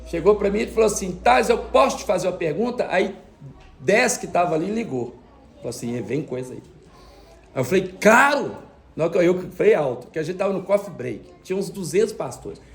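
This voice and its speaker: A male pastor preaches to his church in a loose, joking way and teases people in the pews. His voice sits high and swings up and down a lot. A gravelly rasp runs through it. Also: expressive, fast talker. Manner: joking, chatty, teasing the congregation. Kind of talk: sermon. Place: church service.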